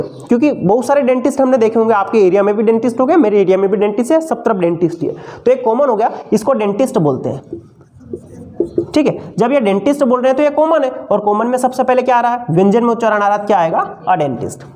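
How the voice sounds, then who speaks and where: Running an exam-prep grammar class, this male teacher speaks in an extremely high, slightly mellow voice, animated and quick. He constantly quizzes his students, supplies the answers himself, and fondly refers to them as "son".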